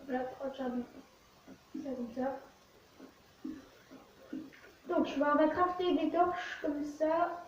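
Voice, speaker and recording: Her voice sits high, moving slowly with long pauses as she narrates a let's play in brief, casual fragments as the video's host. Everything sounds very echoey, muffled and far away, under a little faint noise.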